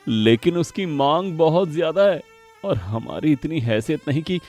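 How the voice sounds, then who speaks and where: A man's voice: on the high side, expressive, moderate pace, a little mellow, soft background music, close to an everyday voice. A man voicing a poor, worried village father in a cartoon story, earnest and anxious.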